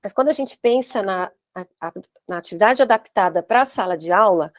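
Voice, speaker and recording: A woman's voice: medium pitch, animated, fairly quick, no room sound, studio quality. A Brazilian woman running an online course for teachers, explaining step by step on a video call. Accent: Brazilian Portuguese. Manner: explanatory, uses many "né?" tags. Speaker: course instructor.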